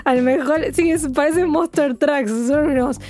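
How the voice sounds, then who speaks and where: A woman with a high, bright-toned voice talks through her points at an easy, explanatory pace, checking in with her co-host as she goes. Soft music plays faintly behind her. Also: steady tone, moderate pace. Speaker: podcast co-host. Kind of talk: casual film discussion.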